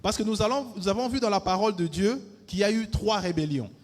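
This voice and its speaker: A man with a notably high voice preaches in short bursts, stopping after each phrase so it can be interpreted. He repeats "amen" between points. His voice carries a long hall reverb. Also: animated, quick pace. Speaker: pastor. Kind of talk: sermon with live interpretation.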